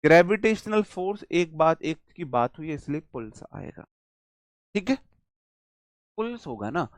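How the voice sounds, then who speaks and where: A man from India teaching an English grammar class, speaking slowly and emphatically, drawing out example words and asking questions he answers himself. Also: fairly high pitch, animated, no echo. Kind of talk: classroom lecture.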